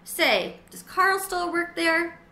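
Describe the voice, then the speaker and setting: A woman voicing a curious, excitable male classroom hamster in a storybook read-aloud, with an eager, squeaky manner. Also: slow, heavily acted. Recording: roomy echo, faint ambience.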